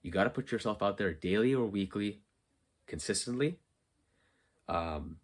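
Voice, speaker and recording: Just after a workout, a solo podcast host records motivational talk in an unfinished basement. His voice is on the low side and animated, and at a moderate pace he earnestly asks himself questions and then answers them with emphasis.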